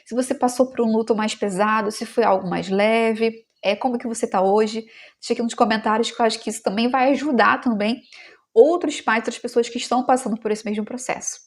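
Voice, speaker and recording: Chatty Brazilian mother, slightly high voice. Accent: Brazilian Portuguese. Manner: chatty and heartfelt, many "né" and "sabe" tags; slows to a gentle devotional tone. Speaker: mother and vlogger. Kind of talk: casual talk to camera.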